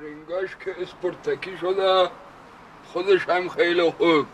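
A man's voice: sits high, steady tone, slight background noise, natural voice, poor audio. Toghrol, a doting lovestruck caretaker played by a man. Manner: doting, flowery talk of love, calls others "baba jan". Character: lovestruck, boastful male caretaker, grown man. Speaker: caretaker in love with a young woman. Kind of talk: sitcom acting.

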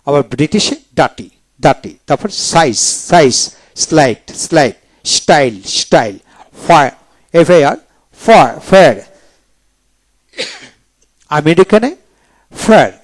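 A man teaching English pronunciation in a video lecture, spelling letters out and repeating each word slowly. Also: fairly high pitch, dry recording. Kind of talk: video lecture, drilling words aloud.

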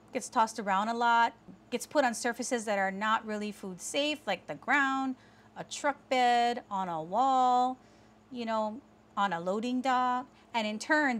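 A woman's voice: fairly high pitch, a bit bright. Woman explaining kitchen shelving. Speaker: sales rep presenting products. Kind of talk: scripted product explainer. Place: small indoor studio set.

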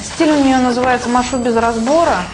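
A young woman with a slightly high voice comments casually on a game. She speaks in short, halting phrases, with music clearly audible behind her. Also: rough recording. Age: young adult. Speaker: martial artist reviewing a game.

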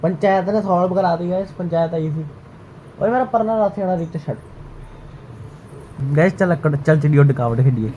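A man hosts a casual vlog, talking to viewers and teasingly bickering over a game. His voice is high-pitched and mellow, brisk yet broken by long pauses. The low-quality recording has background noise and home ambience.

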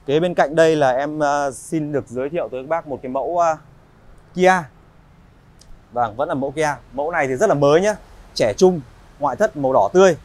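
In a large indoor car showroom, a Vietnamese man in his thirties walks around giving a polite, chatty sales pitch. His tone is darkish, and he pauses often with fillers.

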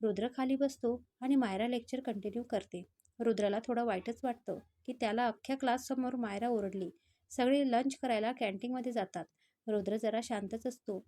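Woman storyteller, steady reading, slightly high and mellow. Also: normal speed. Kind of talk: scripted story narration.

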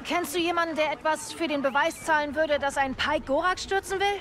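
An actress voicing a wry, calm young woman who is a daring scoundrel, in a video game. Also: high voice, fairly quick. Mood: urgent. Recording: game music behind the voice.

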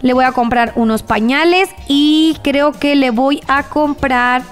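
A woman's voice: high voice, measured pace, soft background music. A young woman giving bubbly, gushing commentary on a mobile game, using many diminutives and talking straight to her viewers. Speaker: gaming YouTuber.

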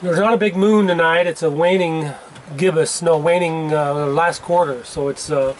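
A man in his fifties vlogging alone from his sailboat at sea, talking in a relaxed, rambling way and often correcting himself. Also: on the high side, normal speed. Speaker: solo sailor vlogging. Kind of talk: casual video diary. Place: outdoors on a sailboat cockpit at sea. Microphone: handheld camera at arm's length. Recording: windy outdoor camera audio with sea noise. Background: wind and water noise.

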